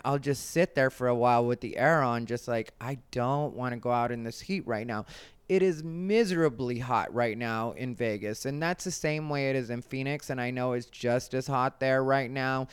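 This Arizona comedian and show host rambles through a casual one-man vlog chat, conversational and at times emphatic. He has a clear, resonant, medium-pitched voice, and the recording is dry.

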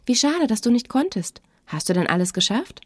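A woman's voice: fairly high pitch, very animated, moderate pace, no echo, clean studio sound, voice pushed up. A woman voicing a cheerful, caring young woman who chats eagerly with an old friend in a storybook reading.

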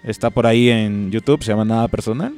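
A young man from Ecuador, chatting as a musician guest in a relaxed, rambling way full of fillers. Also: on the low side, a little fast, faint music behind. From Guayaquil, Ecuador. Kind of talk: casual interview chat.

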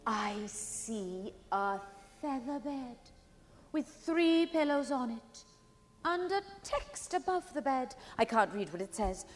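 A dark, breathy fortune-teller. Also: female voice, sits high, lively intonation, slow, big-room sound. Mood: entranced. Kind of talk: radio play acting.

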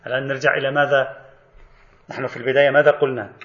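A man giving a religious studies lecture, explaining each point in a measured way and slowing down to quote and stress key lines. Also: medium pitch, little pitch movement, fairly bright tone. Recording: dull lo-fi lecture recording.

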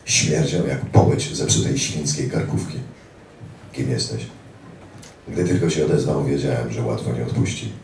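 A very deep, gravelly male voice reads a first-person story with dramatic, profane delivery. His tone is dark, and the sound is distant in an echoey room with faint background noise. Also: moderate pace, few pauses. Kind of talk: reading a memoir aloud.

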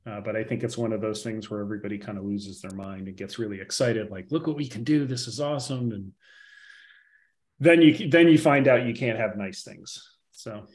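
A man's voice: fairly low pitch, moderate pace. Rambling man in casual gaming chat. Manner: rambling, heavy on fillers and restarts. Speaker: podcast co-host.

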